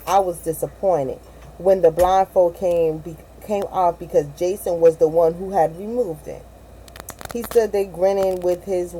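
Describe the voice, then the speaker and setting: A woman reads a novel aloud in a low, mellow voice, often tripping over words and going back to fix them. A faint hiss sits under the recording. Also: rough recording. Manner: stumbling, self-correcting, with asides and laughs. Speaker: reader of a novel. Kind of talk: amateur audiobook reading.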